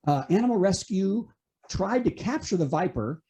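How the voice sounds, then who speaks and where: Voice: mid-range voice, sing-song, moderate pace, mellow. A comedian delivering a topical monologue of punchy late-night jokes, setting up news items and landing punchlines.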